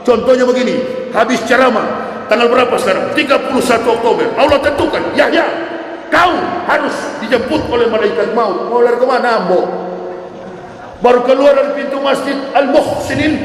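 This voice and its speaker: A male preacher giving a lively, joking sermon that keeps breaking into shouts, in a mosque. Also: very high-pitched, brisk. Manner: animated, joking, bursts into shouts. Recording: echoey hall with long reverb, faint noise.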